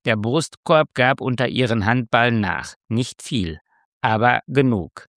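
A man reading a tense story aloud as narrator, with slow, measured delivery. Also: medium pitch, a bit bright, no room sound, studio quality. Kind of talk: scripted narration.

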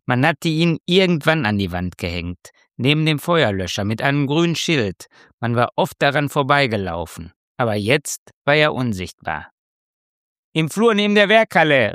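A man reading a tense story aloud as narrator, with slow, measured delivery. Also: mid-range voice, a bit bright, no echo, clean studio sound. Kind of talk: scripted narration.

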